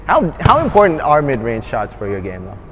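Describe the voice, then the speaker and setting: A man hosting a basketball podcast, asking loose, halting questions in a friendly, casual way. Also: medium pitch, huge pitch swings, a bit bright, highs cut off. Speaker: podcast host. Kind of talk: casual interview while shooting around. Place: indoor basketball court.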